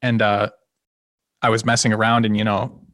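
With a fairly low pitch at normal speed, a slightly nasal singer-guitarist rambles easily through a casual interview about his band. He keeps restarting sentences and slipping in small laughs.

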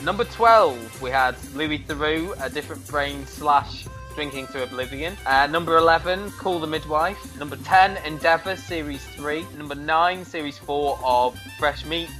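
A man's voice: fairly high pitch, moderate pace, hardly any pauses, a bit bright, faint music behind. A man hosting a review show, announcing a ranked countdown of titles. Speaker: host of a TV review podcast. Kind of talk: top ten countdown, announcing ranked list.

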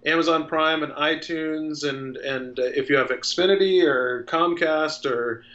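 A man's voice: a little high, a little slow, fairly bright tone. A man in his thirties, a filmmaker guest in a casual interview, talking in a reflective, earnest way. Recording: dull lo-fi sound.

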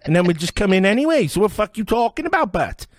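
A man acts out a belligerent local hard man in a pub anecdote. The voice jumps up high and loud, aggressive and insistent. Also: sing-song, fast, no room sound, clean studio sound.

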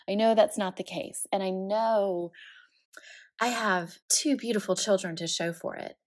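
Tearful woman laughing through a raw monologue. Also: medium pitch. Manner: emotional, laughing through tears, with many restarts. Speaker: podcast host. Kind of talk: unscripted personal monologue.

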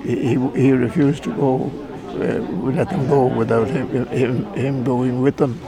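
A man tells a story in an informal interview at a slow pace, stopping and restarting hesitantly. His pitch is average, and crowd chatter carries on behind him. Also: fairly even intonation. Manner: hesitant, halting. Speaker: event attendee being interviewed.

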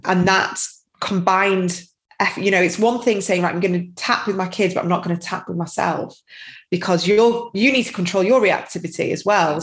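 In poor audio, a middle-aged woman with a lowish voice guests on a casual podcast interview. A tapping practitioner and parent, she chats in a rambling way and uses "you know" a lot.

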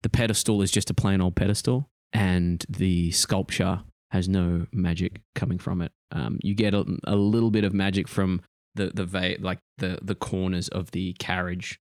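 A man with a fairly low voice acts as game master for a tabletop game. He improvises descriptions casually, and the sound is dry with little room on it. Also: fairly even intonation, normal speed, few pauses, darkish tone, no echo.

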